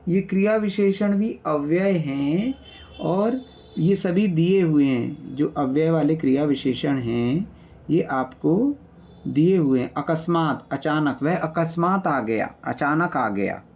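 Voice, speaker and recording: Guy teaching an online class, slow and patient, gravelly voice, kinda muffled call audio. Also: a little high, darkish tone. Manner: patient explainer, lists word meanings, checks in with "है ना?". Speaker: Sanskrit teacher. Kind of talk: online class revision lecture.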